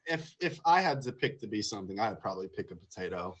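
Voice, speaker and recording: A man's voice: fairly low pitch, very animated, fast talker, fairly bright tone, breathy edge. A man hosting a casual live interview, complimentary and conversational as he works his way into questions. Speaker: show host, interviewer.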